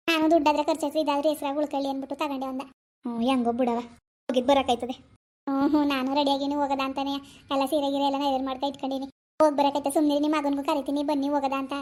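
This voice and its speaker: A woman plays a fretful older village mother in a cartoon. She chatters quickly, sighing and fussing. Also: high voice, darkish tone, lightly acted. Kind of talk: animated cartoon voice acting.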